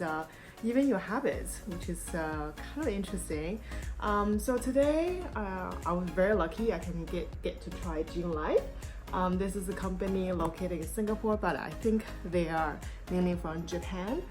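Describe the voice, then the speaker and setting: A woman from China, raised in the United States, talking casually to camera in a product review vlog, meandering with frequent ums and restarts. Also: fairly low pitch. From born in China, raised in the United States. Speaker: YouTube vlogger.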